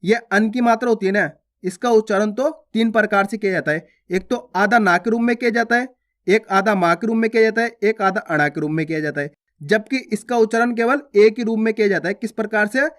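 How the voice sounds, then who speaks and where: Online reading teacher, mid-pitched voice, repeats each word twice with stress, checks in with viewers often. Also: fairly quick, fairly bright tone. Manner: drills words aloud, repeating each twice with a question; addresses viewers as friends, checks understanding. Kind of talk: online phonics lesson.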